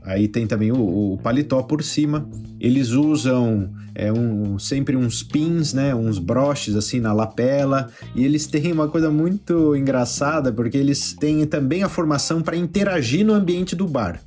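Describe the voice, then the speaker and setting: A man's voice: mid-range voice, measured pace. Guy cohosting a chill drinks podcast, mid voice, chatty explainer, faint guitar under it. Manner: relaxed, explanatory, many fillers. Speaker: podcast co-host, bartender. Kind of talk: casual podcast chat.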